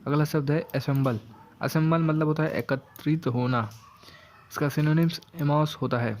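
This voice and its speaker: A man teaching exam vocabulary word by word in a steady, repetitive drill, often repeating key words. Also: fairly high pitch, moderate pace, slight background noise. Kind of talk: exam vocabulary lesson read from a list.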